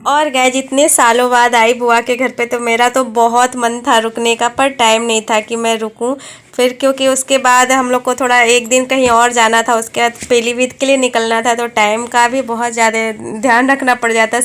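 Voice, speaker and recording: A woman's voice: on the high side, fairly bright tone. A woman in her thirties narrating a casual family vlog, chatty and addressing her viewers directly. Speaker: vlogger.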